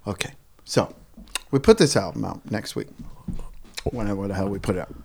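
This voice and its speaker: A man's voice: fairly low pitch, brisk, gravelly, darkish tone, a little hiss or hum. A man co-hosting a podcast, giggly and scattered in casual chat. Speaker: podcast co-host.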